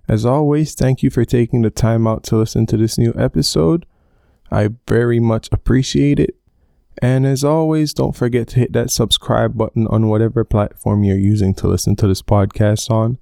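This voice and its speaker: A Belizean podcast host in his twenties records from under a blanket in his bedroom on a home mic, sweating in the heat as he rambles casually and admits to going off topic. His mid-range voice is creaky and mellow, with fairly even intonation and a moderate pace. The recording is dry, with clean studio sound.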